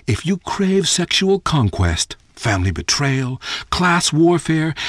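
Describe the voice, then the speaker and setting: An actor playing a persuasive male cult leader with a preachy sales pitch on a game radio show. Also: dry recording, studio quality. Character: smooth-talking male cult leader recruiting members.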